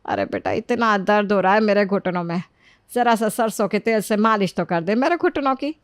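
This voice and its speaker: Cartoon mom, older, fussy, loud and complaining, voiced by the woman narrator. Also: mid-range voice, very animated, normal speed, no echo, clean studio sound, close to an everyday voice. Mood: aching. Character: older mother, fussy and demanding.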